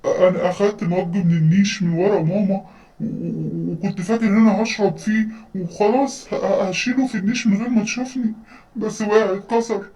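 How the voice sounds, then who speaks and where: A woman's voice: medium pitch, fairly even intonation, a little fast, dark tone, far from the mic, lightly acted. Storybook teddy bear boy, panicky and stammering, Egyptian Arabic accent, a woman putting it on, mid-range voice set back from the mic. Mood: panicked. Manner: stammering, fretful.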